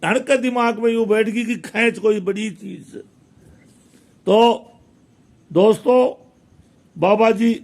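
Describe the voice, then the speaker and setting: A man tells a village folk tale in a high-pitched voice, speaking. He rambles and repeats phrases, slipping into dialect as he voices the people in the tale. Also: a little mellow. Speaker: village storyteller. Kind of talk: casual folk tale telling.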